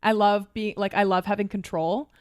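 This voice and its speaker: A young woman in her twenties with a smooth, clear voice chats casually on a podcast. She strings her thoughts together with frequent "like" fillers and lively storytelling. The sound is dry and close, with no room around it. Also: mid-range voice, normal speed, dry recording. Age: 20s. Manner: chatty, fillers of "like", animated storytelling. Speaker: podcast co-host. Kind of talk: casual chat.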